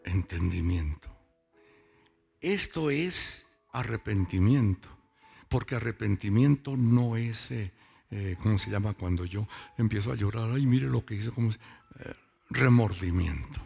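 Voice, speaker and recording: Pastor chatting through a sermon, gravelly voice, keeps asking the church stuff. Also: male voice, fairly low pitch, unhurried, darkish tone, soft background music. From Boyacá, Colombia. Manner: conversational, asks the congregation questions. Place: church service with congregation.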